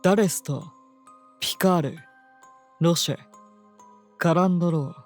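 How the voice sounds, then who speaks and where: In a fantasy audio drama, an actor with a fairly high male voice plays a princess's guardian who is courteous and unnervingly calm. His speech is formal, gentle, precise and polite.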